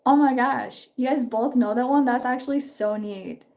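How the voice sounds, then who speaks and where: Her voice is high, gravelly, and a little mellow, at a moderate pace. A twenty-something woman, slightly sick, rambles cheerfully on a casual home live stream from her parents' house as she does her makeup.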